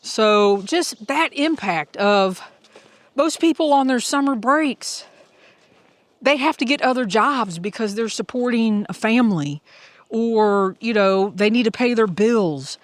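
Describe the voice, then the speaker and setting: Slow-talking woman on a hiking trail. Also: fairly high pitch, lively intonation, no room sound. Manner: heartfelt, emotional, thinking aloud. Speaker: hiker vlogging as she walks. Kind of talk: casual audio vlog.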